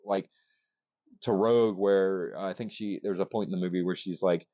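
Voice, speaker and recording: A man co-hosting a casual podcast, rambling excitedly with many restarts and casual swearing. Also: deep voice, normal speed, no room sound, muffled recording. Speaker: podcast co-host. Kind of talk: casual chat.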